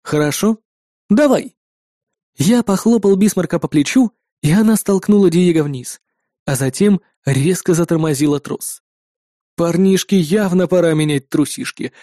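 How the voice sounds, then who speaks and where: A male narrator reads an adventure story in first person and changes his voice for each character he quotes. His voice sits high for a man, with a soft, mellow tone. The recording is close and dry, with no room echo. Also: normal speed. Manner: shifts pitch and loudness to voice different characters. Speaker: audiobook narrator.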